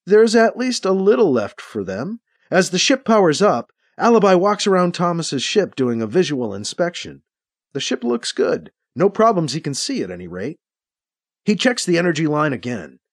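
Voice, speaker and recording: Brief: male audiobook narrator, slightly high voice, lively melodic delivery, steady storytelling. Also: moderate pace, dry recording, clean studio sound.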